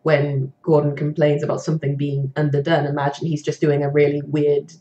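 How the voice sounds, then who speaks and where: A woman co-hosting a stream with bubbly, quick reactions in casual chat. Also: sits low, monotone, dark tone, roomy sound. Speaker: stream co-host.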